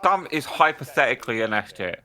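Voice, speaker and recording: A man's voice: mid-range voice, big pitch swings, fairly quick, pushed and bright. A man hosting a livestream with casual banter, speaking in a blunt, sweary way. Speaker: host.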